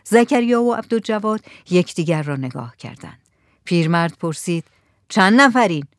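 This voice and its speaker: Brief: woman narrator, measured audiobook reading, very dry close mic. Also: on the low side, expressive, darkish tone, dry recording.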